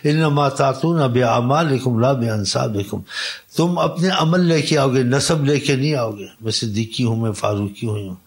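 A man preaching a sermon, exhorting his listeners, repeating his points and quoting Arabic sayings in between. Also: medium pitch. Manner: exhorting, repetitive, quotes Arabic hadith. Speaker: Islamic preacher.

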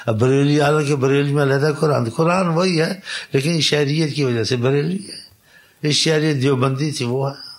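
A man preaching a sermon, exhorting his listeners, repeating his points and quoting Arabic sayings in between. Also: fairly high pitch. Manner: exhorting, repetitive, quotes Arabic hadith. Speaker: Islamic preacher.

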